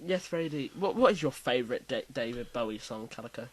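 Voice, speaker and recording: A man hosting a casual quiz chat, reading out questions with lively emphasis. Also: medium pitch, fast talker. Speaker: quiz host.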